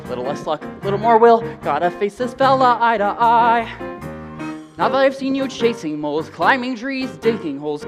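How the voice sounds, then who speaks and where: Woman as a hapless, fretful boy: slow, self-doubting, a bit high, live musical stage sound with instruments. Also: close to an everyday voice. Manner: anxious, self-doubting, talks to himself. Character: gloomy hapless young boy, Charlie Brown. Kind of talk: stage musical acting and singing. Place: community theater stage.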